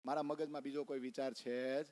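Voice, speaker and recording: A man playing a defiant young devotee who shouts at his parents in a Kathiawadi Gujarati accent. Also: medium pitch, little pitch movement, fairly quick, pitched below the performer's own voice, natural voice. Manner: shouting, scolding. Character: defiant young devotee locked in a room, male.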